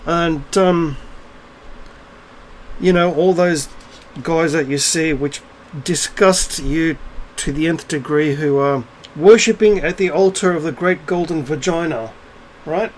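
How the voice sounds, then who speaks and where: A man's voice: on the high side, slow pace, slight background noise, low-quality recording. A middle-aged man in an unscripted, ranting video monologue, blunt and profane, rambling with many fillers and restarts. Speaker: video blogger.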